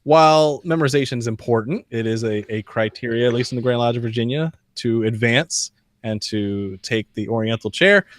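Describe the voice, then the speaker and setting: A man speaking thoughtfully on a podcast panel, recounting a story in a measured way with some fillers. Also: mid-range voice, dry recording. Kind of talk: conversational podcast discussion.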